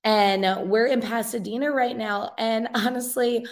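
A woman with a raspy voice that is nearly gone, speaking earnestly and emphatically as an interview guest giving testimony. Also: fairly high pitch, fairly even intonation, a little slow. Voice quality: hoarse, raspy voice. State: hoarse, losing voice. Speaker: guest, missionary and revivalist. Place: inside an old rented house, remote guest.

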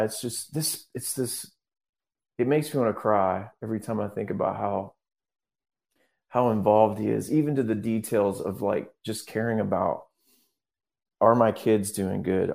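A man's voice: on the low side, fairly even intonation, measured pace, vocal fry, a little mellow. A man speaking as a guest minister in a casual interview, earnest and rambling, often restarting his sentences.

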